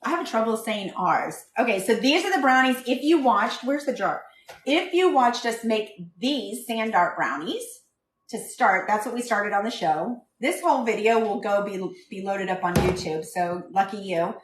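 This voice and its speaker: A woman's voice: medium pitch, animated, moderate pace, reverberant, far from the mic, a little hiss or hum. A woman hosting a live cooking stream from her kitchen, chatting casually and rambling from one tangent to the next. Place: home kitchen.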